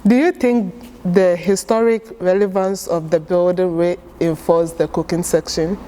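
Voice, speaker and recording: A woman's voice: lowish voice, fairly even intonation, measured pace, dark tone. A woman volunteer interviewer putting prepared questions, with short backchannel replies, in an oral history interview.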